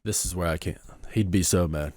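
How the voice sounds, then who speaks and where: A man's voice: low-pitched, brisk, no room sound, studio quality. Sarcastic man reacting to a clip. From Southern United States. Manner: sarcastic, rambling, mock-serious, sudden soft asides. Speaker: reaction video host. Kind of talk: sarcastic commentary over a clip.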